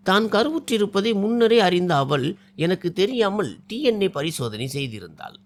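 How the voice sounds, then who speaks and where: A man tells a dramatic story in the first person, with a somewhat high voice. His pitch climbs and drops widely, and his delivery shifts from hushed to loud as he voices each moment. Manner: emotive, dramatic, swinging between hushed and loud.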